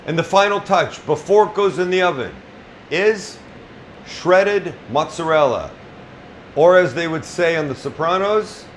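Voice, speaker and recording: In a small restaurant kitchen, a middle-aged man hosts a laid-back cooking demonstration, swearing freely and making blunt jokes. He's a chef and show host whose voice is a little high and unhurried, with a faint hiss or hum on the recording.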